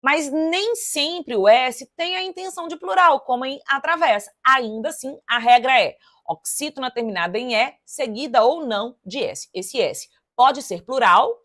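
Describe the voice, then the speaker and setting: Lively, chatty woman teacher. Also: a little high. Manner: lively and chatty, addressing students directly, counting syllables aloud. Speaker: Portuguese teacher. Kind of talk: exam-prep lesson, solving test questions aloud.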